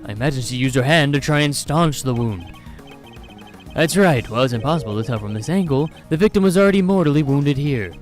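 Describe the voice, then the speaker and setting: A man's voice: mid-range voice, expressive, a little fast, close to an everyday voice. A composed male legal investigator voiced by a man argues formally with dry wit. The mid-range voice belongs to an improvised comic game dub, with faint music behind it. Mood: confident reasoning. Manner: formal, wry.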